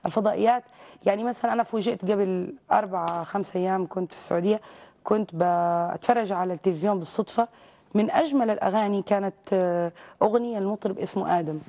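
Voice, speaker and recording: A woman from Saudi Arabia speaks very fast, pressing her points hard in a televised interview. Her voice is mellow and dark in tone, and she talks with emphatic conviction. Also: medium pitch. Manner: outspoken, rapid and emphatic. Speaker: guest, visual artist. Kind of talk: TV interview conversation.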